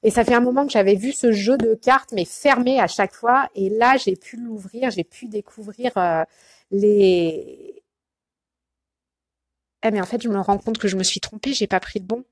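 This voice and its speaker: A woman's voice: medium pitch, moderate pace, no echo. A woman coach chatting casually in a live video, hesitant and full of fillers and restarts, greeting viewers by name. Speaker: life coach.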